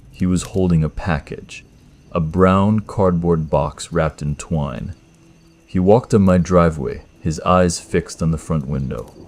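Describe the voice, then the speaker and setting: A man narrating a first-person horror story in a tense, measured scripted style. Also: low-pitched, darkish tone.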